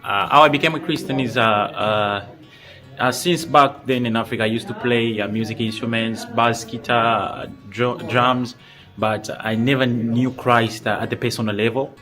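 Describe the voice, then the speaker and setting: A young man from Congo giving a personal faith testimony, speaking hesitantly with many pauses and restarts. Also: medium pitch, steady tone, bright, forceful tone, soft background music. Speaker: church member giving testimony.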